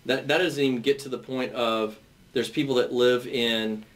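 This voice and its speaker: A man's voice: medium pitch, steady tone, normal speed, fairly bright tone, far from the mic. A man hosting a panel debate, talking at length and often repeating and restarting his words. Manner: long-winded, stumbles and repeats words. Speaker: host.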